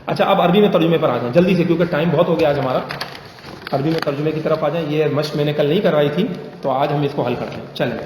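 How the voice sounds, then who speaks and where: A man's voice: fairly high pitch, a little mellow. A man teaching an Arabic grammar class, patiently correcting students by asking them questions. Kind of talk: interactive classroom lesson. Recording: roomy echoey recording with faint hiss.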